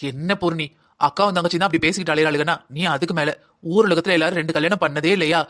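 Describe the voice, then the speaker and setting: A man's voice: fairly high pitch, steady tone, very fast, fairly bright tone, close to an everyday voice. A man voicing a bossy, emotional middle-aged mother-in-law in a cartoon drama, scolding and pleading. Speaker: voice actor.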